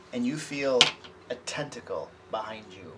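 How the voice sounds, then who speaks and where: A man running a tabletop fantasy game, switching between descriptive narration and casual table talk. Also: mid-range voice. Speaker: game master. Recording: clearly noisy room.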